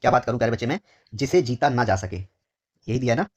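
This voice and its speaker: A Hindi exam teacher from India going through test questions. He repeats each phrase slowly, calls his pupils dear children, and drops his voice on each answer word. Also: mid-range voice, expressive, slightly rough, dull audio. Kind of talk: exam question walkthrough lesson.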